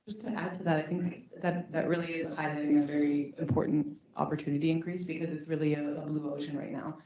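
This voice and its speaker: A man's voice: a little high, little pitch movement, fast talker, highs cut off, slight background noise. A man making a conversational comment as a panelist, recorded in an echoey room from some distance.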